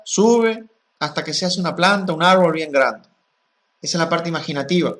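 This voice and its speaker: A man, a spiritual teacher answering questions in a calm, explanatory way and chanting mantras with drawn-out vowels. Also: high-pitched. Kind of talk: gnostic teaching talk.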